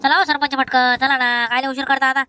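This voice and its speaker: A woman's voice: high voice, little pitch movement, a little fast, pushed and bright, smooth, dry recording. A woman with a Vidarbha Marathi accent playing an impatient village woman in a rustic comedy sketch.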